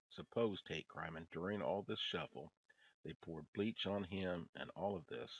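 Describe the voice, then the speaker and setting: An older man with a folksy, rambling grandpa voice, gravelly and husky, casually reading news headlines and commenting on them. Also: extremely low pitch, fairly bright tone, no room sound, rough recording.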